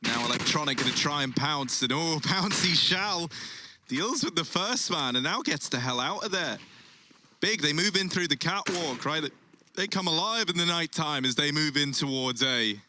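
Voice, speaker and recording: A man's voice: on the high side, lively intonation, moderate pace. A man giving live esports caster commentary, narrating the match with colorful phrasing. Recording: loud game noise with gunfire behind.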